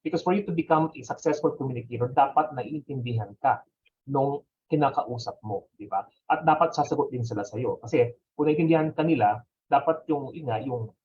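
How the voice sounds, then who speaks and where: A husky-voiced Filipino man speaks in a conversational interview style, explaining emphatically and tagging his points with little checks for agreement. The audio is somewhat dull and lo-fi. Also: medium pitch, fairly quick, a little mellow. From Philippines. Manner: emphatic explainer, frequent rhetorical tags. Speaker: fintech executive guest. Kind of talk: conversational interview answers in Taglish.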